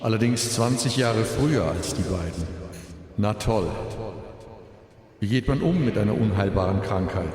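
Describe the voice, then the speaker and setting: A middle-aged man delivers a funeral eulogy in a large, very reverberant hall. His mid-pitched voice is measured and solemn, with deliberate pauses and a streak of dry humour. Long echoes trail behind his phrases. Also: darkish tone. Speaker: bereaved father giving a eulogy.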